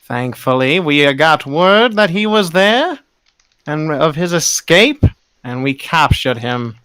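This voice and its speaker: A man voicing a pompous high priest who proclaims slowly to a crowd. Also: very animated, sharp tone, clear, resonant tone, dry recording, full character voice. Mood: booming, gloating. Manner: grandiose, slow proclaiming.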